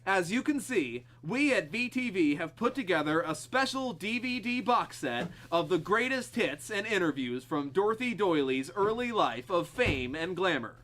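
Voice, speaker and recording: A man voicing a smooth male TV spokesman with a salesy pitchman delivery. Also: very animated, normal speed, hardly any pauses, pushed and bright, full character voice.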